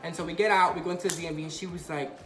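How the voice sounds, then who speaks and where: Animated young man telling a story. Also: on the high side, rapid-fire, reverberant, over music. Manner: animated, acts out quotes. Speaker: vlogger. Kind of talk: casual storytelling.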